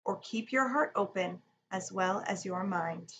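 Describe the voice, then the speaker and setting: In an echoey room picked up by a distant mic amid background noise, a woman with a mid-range voice speaks at a measured pace. She's a children's yoga teacher running a read-along lesson, reading a picture book with expression and offering young children simple, upbeat directions.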